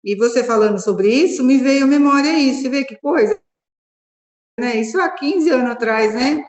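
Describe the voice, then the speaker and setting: A high-pitched woman with a darkish tone speaks at normal speed in an echoey room. She's a catechist sharing a personal story at a group Bible study, chatting conversationally and often tacking on "né?" while retelling dialogue.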